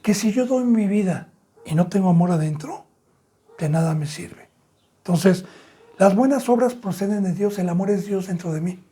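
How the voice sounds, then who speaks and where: Husky pastor preaching emphatically. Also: male voice, moderate pace, dark tone. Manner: preaches with rhetorical questions, addresses listeners as brothers and sisters; emphatic jumps in pitch and volume. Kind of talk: sermon.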